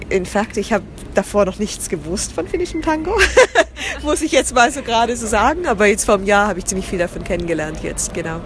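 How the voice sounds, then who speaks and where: The guest, a southern German woman who founded a theatre company, chats fairly quickly in a medium-pitched voice with lively intonation. Background noise is audible, and in this casual interview she often restarts, gropes for words and drops into English.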